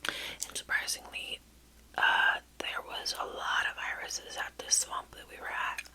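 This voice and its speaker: A woman's voice: measured pace, rough recording. A middle-aged woman whispering a rambling, hesitant ASMR story close to the mic while chewing gum. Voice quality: soft unvoiced whisper. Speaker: ASMR vlogger.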